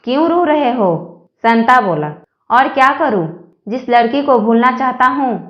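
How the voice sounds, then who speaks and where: A woman reading a series of short jokes aloud, telling them slowly and evenly with the quoted lines. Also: on the high side, roomy sound, highs cut off. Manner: slow, even joke telling with quoted lines. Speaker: joke narrator.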